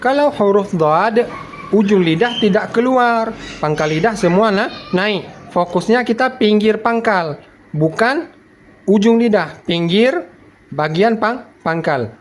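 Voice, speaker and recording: A man teaching letter pronunciation slowly and patiently, drilling syllables one by one and checking that his students follow. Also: sits high, expressive, slight background noise. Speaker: Quran recitation teacher. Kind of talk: slow step-by-step pronunciation lesson.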